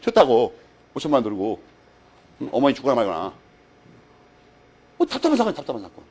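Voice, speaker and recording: A man's voice: mid-range voice, fairly quick. A man giving a law lecture as a story, acting out the dialogue and tagging sentences with "eh?". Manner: animated storytelling, acts out dialogue, frequent "eh?" tags.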